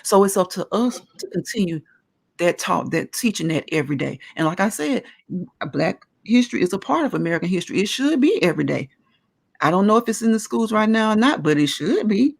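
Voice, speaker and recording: A woman's voice: mid-range voice, expressive, fairly quick, vocal fry. A woman in her forties talking at length in a casual discussion, earnest and emphatic as she explains her views. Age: 40s.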